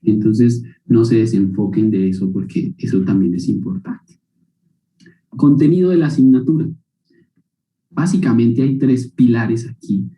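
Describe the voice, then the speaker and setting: A man giving a university lecture, his voice dark and mellow. He asks the class questions and checks in after each point. The recording sounds echoey and picked up from a distance. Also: mid-range voice, a little slow. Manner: questions students, tags statements with "¿no?". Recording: roomy, distant mic.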